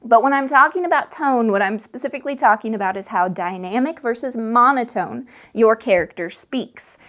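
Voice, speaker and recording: Chatty woman giving tabletop game tips. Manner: chatty, animated, demonstrates voices by shifting pace and pitch. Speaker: tabletop game advice host. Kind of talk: casual how-to video talk.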